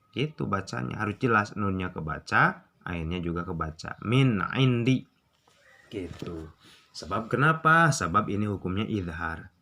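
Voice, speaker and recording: A young man with a Sundanese accent, teaching Quran recitation rules in a casual tutorial, drawing out examples slowly and asking and answering his own questions. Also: deep voice, vocal fry, bright, forceful tone.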